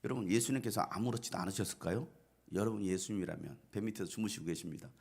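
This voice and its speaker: A man's voice: lowish voice, fast talker, gravelly, darkish tone, breathy edge. A male pastor giving a conversational sermon and asking the congregation rhetorical questions.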